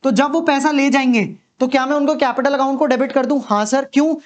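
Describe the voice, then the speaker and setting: A man's voice: extremely high pitch, fairly even intonation, fast talker. A man teaching accountancy in a lecture, posing questions and answering them the way his students would, and checking in with a frequent "okay". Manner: repeats a reassuring "okay" to check understanding. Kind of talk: classroom lecture.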